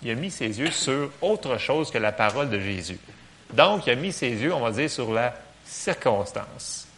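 A man with a Québécois French accent, preaching a casual sermon in a church, lively and joking, full of fillers. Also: medium pitch, moderate pace.

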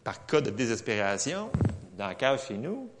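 A man with a Quebec French accent preaching in church, telling a personal testimony in an animated, laughing storytelling manner. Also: medium pitch, moderate pace, background noise.

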